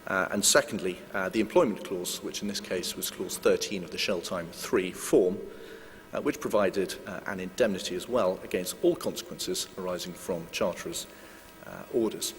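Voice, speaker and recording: Low-voiced guy doing a legal talk at a conference, lots of uhs, echoey hall, bit of hum. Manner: measured, hedging with frequent "uh" fillers. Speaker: lawyer giving a conference talk. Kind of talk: formal legal presentation. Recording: long hall reverb with faint hum.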